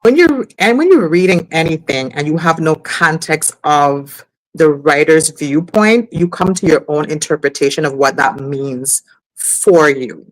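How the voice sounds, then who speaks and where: A woman's voice: deep voice, animated, unhurried, no echo, rough recording. A woman, co-hosting a talk show with casual, conversational commentary. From US Virgin Islands.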